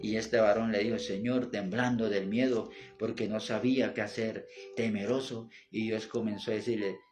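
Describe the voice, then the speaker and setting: A man preaching with fervor, calling out to his listeners as brother and retelling scripture. His delivery stays flat and even in pitch. Instrumental music plays clearly under his voice. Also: moderate pace. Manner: fervent, repeats "mi hermano", quotes scripture. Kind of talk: sermon. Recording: music playing behind.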